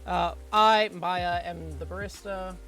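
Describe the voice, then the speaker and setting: A woman's voice: on the low side, fairly even intonation, slow, a bit bright. A woman hosting a game stream in a casual, rambling, conversational way. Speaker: streamer hosting a morning show. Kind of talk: casual gaming stream commentary, reading game dialogue aloud. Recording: music playing behind the voice. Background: background music.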